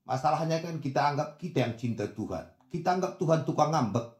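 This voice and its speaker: A middle-aged man preaches a sermon with a slightly raised voice, playing the parts in his stories himself. He drops to quiet asides, then climbs to shouted lines. His voice rings through an echoey hall. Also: on the high side, fast. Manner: animated, acts out voices of others in dialogue, swings from soft to shouting. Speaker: pastor.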